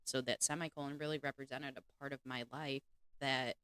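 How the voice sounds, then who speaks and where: Low-voiced chatty woman from Chicago. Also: fairly even intonation, brisk, fairly bright tone, clear, resonant tone. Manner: open, chatty, laughs easily. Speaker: guest, convention organizer. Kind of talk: casual podcast chat.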